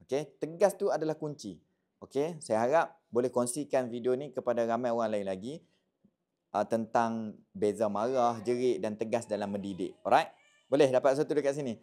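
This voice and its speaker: A Malaysian-accented man speaks straight to camera, handing out parenting advice in a relaxed, chatty way. His voice sits at an ordinary middle pitch for a man. He keeps things lively, drops English words into his talk and checks in with his listeners as he goes. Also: a little fast. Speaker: parenting content creator.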